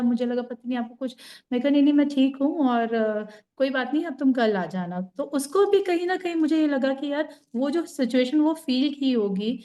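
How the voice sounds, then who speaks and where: A woman's voice: high voice, mellow, lo-fi sound. A woman on a group video call telling a personal story in a reflective, conversational way. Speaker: group participant sharing a story. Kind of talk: casual chat on a group call.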